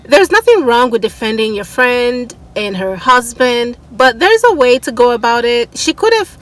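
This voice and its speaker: A woman's voice: a little high, big pitch swings, normal speed, rough recording. A woman hosting a commentary video, reacting in a casual, exasperated way. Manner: exasperated, incredulous remarks. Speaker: commentary channel host.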